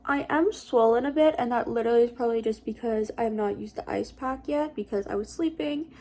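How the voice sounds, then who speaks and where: A young woman talks through a casual vlog update in a somewhat high voice. She rambles informally, hesitating and circling back as she goes. The delivery is unscripted and conversational. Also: fairly quick, darkish tone. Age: young adult. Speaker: vlogger.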